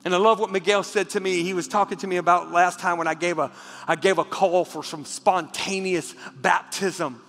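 A man's voice: high-pitched, steady tone, moderate pace. Passionate male pastor preaching in a hall. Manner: passionate, repeats words when moved, drops to a hush for the story. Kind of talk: sermon. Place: church sanctuary. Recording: church hall with reverb and faint music.

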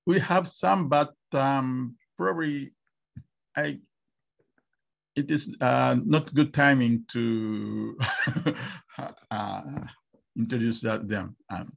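Hesitant man with gravelly slow speech. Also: mid-range voice, lo-fi sound. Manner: hesitant, many fillers and restarts. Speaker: invited radiation oncologist answering questions. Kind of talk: webinar Q&A answers.

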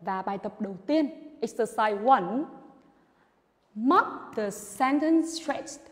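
A woman teacher leads a children's English class, pronouncing each word slowly and with firm stress so the class can repeat after her. Her voice carries a long reverb, as if recorded in an echoing room. She speaks at a very unhurried pace. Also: fairly high pitch, lively intonation. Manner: slow, emphatic drilling of English words. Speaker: primary school English teacher. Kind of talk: online English lesson for children.

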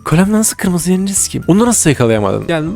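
A man giving excitable live gameplay commentary, reacting with quick exclamations and urgent repeated words. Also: fairly high pitch, vocal fry, faint music behind. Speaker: gaming video creator.

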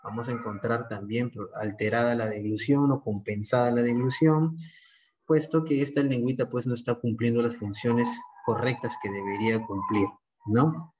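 Peruvian man explaining calmly to parents. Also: medium pitch, normal speed, rough recording. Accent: Peruvian Spanish. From Peru. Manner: explains patiently, uses diminutives, checks in with rhetorical questions. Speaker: speech therapist. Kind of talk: informative talk to parents.

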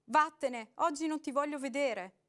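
A woman reading aloud, voicing a frightened, cursed snake-haired woman who pleads in a high, trembling voice. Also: unhurried. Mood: pleading.

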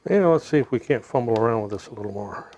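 A middle-aged American man narrating a hands-on repair casually, in a low-key way, as if muttering to himself while he works. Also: animated, fast, dark tone. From United States. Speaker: DIY repair video host. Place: home room, indoors.

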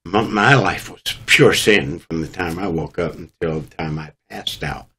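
A man's voice: deep voice, measured pace, sharp tone, slightly rough. A man, a guest preacher, telling his testimony in an emphatic, dramatic preaching manner. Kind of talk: testimony storytelling.

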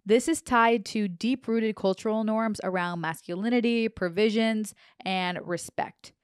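A young woman hosts her own podcast, reading a prepared explainer with chatty, joking asides. Her voice is smooth and clean, recorded close on a handheld mic. The small home studio around her sounds dry and dead. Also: mid-range voice, unhurried, no room sound. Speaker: podcast host. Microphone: handheld dynamic mic, headphones.

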